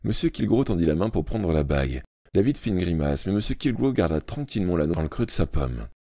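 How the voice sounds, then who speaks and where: A man reading an audiobook aloud with expressive, dramatic storytelling narration. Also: sits low, fast talker, no room sound, clean studio sound.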